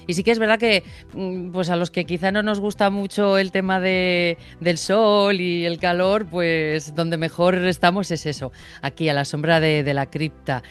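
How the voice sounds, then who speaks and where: Host, middle pitch, welcoming and formal, light music underneath. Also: steady tone, normal speed, smooth. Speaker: podcast host. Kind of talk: scripted introduction and casual interview.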